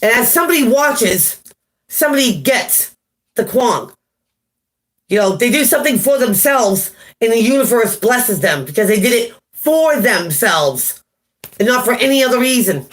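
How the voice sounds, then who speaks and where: A woman's voice: fairly high pitch, sing-song, moderate pace. A woman giving a casual live-stream tarot reading, chatty, laughing at her own jokes and greeting viewers by name. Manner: chatty, laughs at herself often. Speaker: tarot reader.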